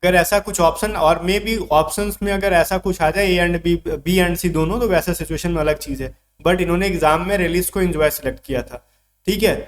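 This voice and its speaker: Male tutor, slightly raised pitch, patient step-by-step explainer, faint background hum. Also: moderate pace. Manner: explains step by step with repeated checks. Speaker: teacher. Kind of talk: exam vocabulary lesson.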